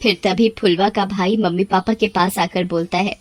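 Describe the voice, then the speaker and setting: A woman giving scripted narration of a cartoon horror story in a steady storytelling manner. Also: mid-range voice, normal speed, no room sound.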